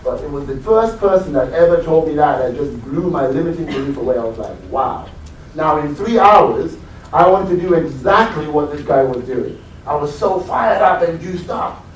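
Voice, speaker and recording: A man's voice: fairly high pitch, expressive, moderate pace, a little hiss or hum. A man giving a live motivational talk, telling stories and prompting his audience with questions. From United Kingdom. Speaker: motivational speaker. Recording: echoey hall, voice from far off.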